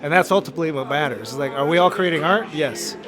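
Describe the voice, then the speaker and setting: A man from Los Angeles speaks in an earnest, motivational tone as he reflects on his art in an interview. His voice sits a touch higher than most men's. Clear music plays behind him. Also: quick pace. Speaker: artist interviewed.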